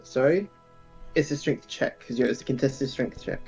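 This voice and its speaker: A man running a tabletop game as game master, brisk and quick to laugh. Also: medium pitch, a little mellow, lo-fi sound, soft background music.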